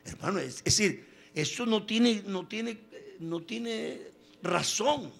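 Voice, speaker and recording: A man preaching a sermon, telling stories with quoted voices and sudden loud bursts. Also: high voice, slow, gravelly.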